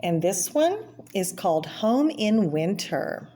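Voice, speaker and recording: A woman reads a children's picture book aloud, stopping to name the pictures and add informal explanations about them. Her mid-range voice is mellow and swings widely in pitch. There's a little hiss or hum on the recording.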